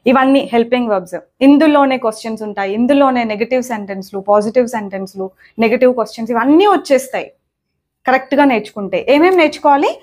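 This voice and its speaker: A woman's voice: fairly high pitch, fast talker, darkish tone. A young woman teaching grammar in a spoken lesson on her words, repeating points and often checking in with "okay?". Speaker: English teacher.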